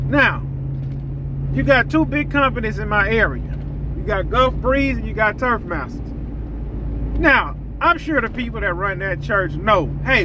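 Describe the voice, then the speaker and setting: A middle-aged man, a lawn service owner telling stories plainly, repeating his phrases, recorded by a dashboard camera in his pickup truck. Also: sits high. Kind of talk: casual vlog talk while driving. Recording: clear road noise behind.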